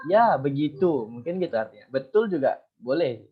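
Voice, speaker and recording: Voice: mid-range voice, big pitch swings, normal speed, breathy edge. A Japanese language teacher leading an online class, explaining grammar step by step with many fillers and prompting students with questions. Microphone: video call microphone. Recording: muffled lo-fi video call audio.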